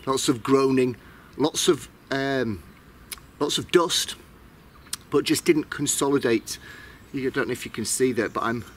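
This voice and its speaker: A man's voice: medium pitch, a little hiss or hum. A man in his forties, a bushcraft vlogger, chatting to camera in a casual, self-mocking way as he explains his kit outdoors in a woodland.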